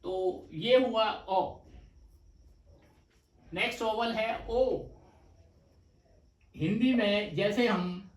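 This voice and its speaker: A man teaching a stenography lesson, explaining patiently and slowly with repeated examples. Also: high-pitched, far from the mic. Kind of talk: slow explanatory lecture. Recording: echoey room, voice off-mic.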